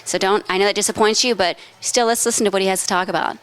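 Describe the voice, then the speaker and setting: Quick-talking lady interviewer, chatty and teasing, mid pitch. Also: fairly even intonation, fairly bright tone, clear, resonant tone. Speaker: entertainment TV interviewer. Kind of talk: casual interview.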